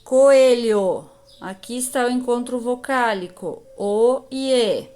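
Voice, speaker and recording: Speaking at a measured pace in a fairly high, darkish voice, a Brazilian woman teaches grammar to young children on a recording, drawing out each example word with patience. A faint hiss or hum is present.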